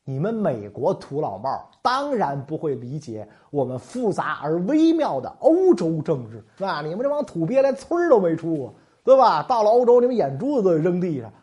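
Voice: mid-range voice, big pitch swings, moderate pace, few pauses, mellow, natural voice. A storyteller voicing a stern, haughty male foreign envoy in a comic history tale. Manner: stiff, lofty, condescending.

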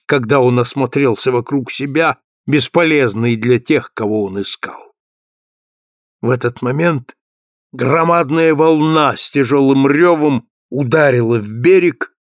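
A man narrating an audiobook of a classic novel in a steady, measured reading voice. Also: mid-range voice, no room sound, studio quality.

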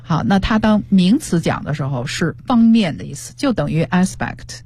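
A woman's voice: on the low side, expressive, moderate pace, a little mellow, breathy edge, no echo. A woman guest teacher on a radio show, explaining English words and pronunciation with example sentences. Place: radio studio. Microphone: studio microphone.

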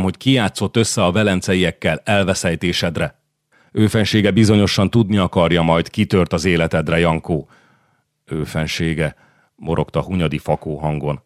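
A man narrating a historical novel as an audiobook, reading the dialogue in a measured, even way. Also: deep voice, no echo, clean studio sound.

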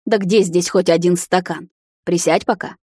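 A woman voicing a calm older male vampire uncle who tries to soothe and reason. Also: on the low side, moderate pace, slightly rough, no room sound, studio quality.

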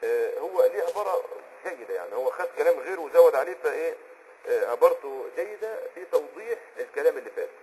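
Egyptian man, religious law teacher, raised pitch, very raspy voice, casual explaining lesson. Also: sing-song, darkish tone, rough recording. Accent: Egyptian Arabic. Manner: conversational, often pauses on a filler word while hunting for a term; checks on the listener with quick asides. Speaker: Islamic jurisprudence teacher.

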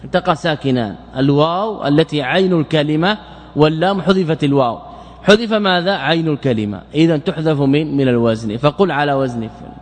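Man, fairly high voice, lecturing in a hall with long reverb, quizzes himself as he goes. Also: lively intonation, a little fast. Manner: repeats words, asks and answers his own questions. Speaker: sheikh teaching Arabic morphology. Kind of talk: classroom lecture explaining grammar.

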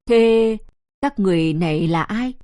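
A woman's voice: medium pitch, expressive, unhurried, warm tone, no echo, natural voice. Casting: a woman playing an elderly mountain mother in grief, wailing lament, storybook reading. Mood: stunned.

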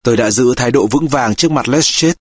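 A man reads a story aloud in slow, measured narration. His voice sits in a middle pitch. The sound is dry and close to the mic. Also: breathy edge, dry recording. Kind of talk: audiobook reading.

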